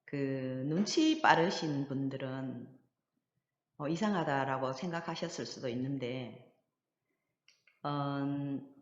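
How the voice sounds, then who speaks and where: Woman language teacher, deep and slow, patient drill style, echoey roomy audio. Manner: patient, models pronunciation slowly for learners to repeat. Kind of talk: recorded language lesson. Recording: dull lo-fi audio with long hall echo.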